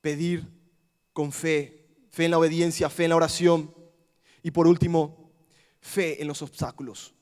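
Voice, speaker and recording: A man with an Argentine accent preaching a camp sermon, swinging between loud dramatic outbursts and hushed, quiet pleading. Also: fairly high pitch, flat delivery, measured pace, long pauses. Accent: Argentine Spanish. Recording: long hall reverb.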